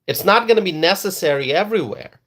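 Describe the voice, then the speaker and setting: A political commentator whose first language is Bengali delivers an emphatic opinion monologue, repeating words for stress. His voice is high-pitched and a bit bright, with lively intonation and a fast delivery.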